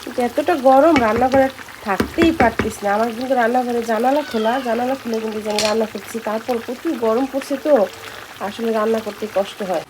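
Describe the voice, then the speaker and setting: A young woman with a hoarse, worn voice talks her viewers through cooking, pitched a little high. She chats in a loose, homely way. Loud frying and sizzling fill the background. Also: quick pace. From Bangladesh. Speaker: home vlogger. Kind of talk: casual cooking vlog chat. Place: home kitchen with open window. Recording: loud kitchen noise. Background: frying and sizzling in the pan.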